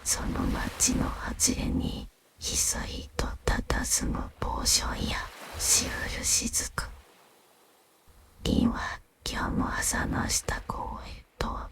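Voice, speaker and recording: A woman narrating gentle fantasy stories in a soft, unvoiced ASMR whisper, soothing and unhurried. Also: extremely low pitch, creaky.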